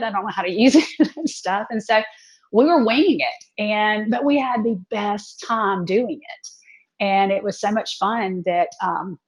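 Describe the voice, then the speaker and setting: A woman's voice: mid-range voice, low-quality recording. A woman, telling her story in a casual interview and acting out quoted lines. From South Georgia, USA. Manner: lively storyteller who acts out quoted lines. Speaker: TV cooking show host, guest.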